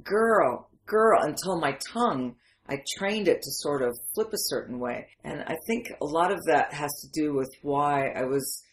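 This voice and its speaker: A woman in her fifties, born in Syria and later settled in the Detroit area, speaks with an American accent, though English isn't her first language. As a memoir writer guesting on an interview, she tells personal stories candidly and emphatically in a deep, lively, unhurried voice.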